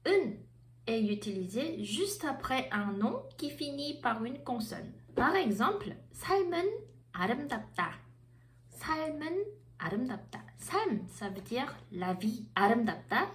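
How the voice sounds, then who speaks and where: Woman, Korean native, language teacher, careful explanations, roomy echo. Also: a little high. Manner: slow, careful explanations switching between two languages.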